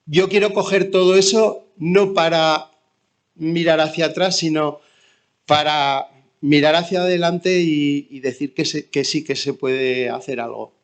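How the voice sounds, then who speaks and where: A man with an accent from Spain gives spontaneous testimony as a bereaved father, in quiet, subdued grief, halting and searching for words with many pauses. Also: a little high, fairly even intonation. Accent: Spanish from Spain. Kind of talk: spontaneous testimony at an online talk.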